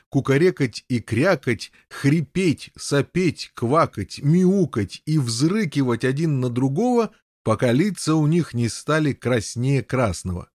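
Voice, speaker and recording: A man reading an audiobook aloud in a wry, measured storytelling manner. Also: fairly high pitch, a little mellow, no echo, studio quality. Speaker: audiobook narrator. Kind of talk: scripted narration.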